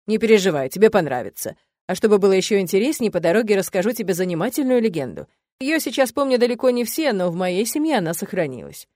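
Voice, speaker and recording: A woman's voice: mid-range voice, very animated, fast, a little mellow, dry recording, clean studio sound. A woman voicing a sly, teasing male demon with an insinuating, playful way of talking, in an audiobook reading. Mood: persuasive.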